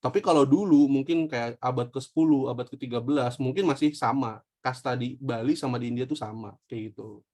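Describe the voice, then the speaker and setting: A young man teaching an online history class in a loose, joking way. He speaks with a slang flavor, throws questions at the class and answers them himself. His voice sits at an ordinary middle pitch. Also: a little fast, hardly any pauses, mellow. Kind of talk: casual online history lesson.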